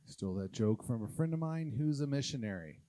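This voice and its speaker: A man from Oklahoma doing a stand-up comedy set on a live stage, talking in a halting, self-deprecating way with many "uh" fillers. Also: medium pitch, expressive, warm tone, slight background noise. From Oklahoma, USA.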